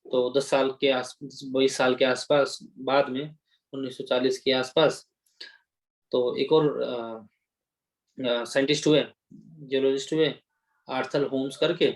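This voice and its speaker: A man's voice: medium pitch, level tone, a little slow, pauses often. A man teaching exam-prep geography, explaining off the cuff in Hindi with English terms mixed in, with fillers and restarts and a habit of checking in with his students. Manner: repeats "ठीक है" to check in with students.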